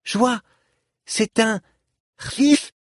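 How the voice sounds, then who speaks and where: A man voicing an eager, excitable young child in a storybook reading, with a high, breathless voice. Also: drawn-out words, dry recording, clean studio sound, heavily acted. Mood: insistent.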